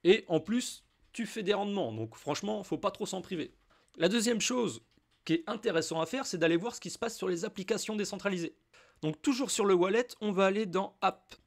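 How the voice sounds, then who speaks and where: Brisk and animated, this gravelly, high-sitting male voice belongs to a French crypto YouTuber nursing a slight cold. In a chatty screen-share, he explains a crypto wallet straight to the viewer, calling them "tu" and wandering into friendly asides.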